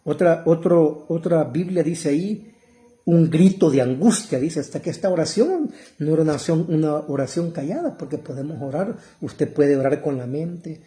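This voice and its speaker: A middle-aged man preaching a fervent sermon, calling listeners brother and rising to loud cries. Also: fairly high pitch, moderate pace. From El Salvador.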